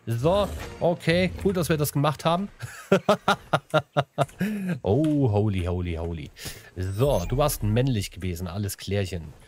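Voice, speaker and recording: A man's voice: lowish voice, animated, a little slow, darkish tone, a little hiss or hum. A man narrating his own gameplay in a casual, chatty way, talking to the animals and to his viewers with playful sing-song bits. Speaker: let's play host.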